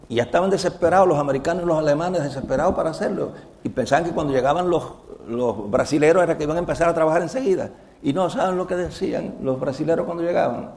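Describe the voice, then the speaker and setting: A man's voice: medium pitch, gravelly, dark tone, slight background noise. A man, a visiting professor, giving a doctrinal lecture to a live audience, telling humorous personal stories and acting out both sides of remembered conversations. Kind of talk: lecture told through personal anecdotes.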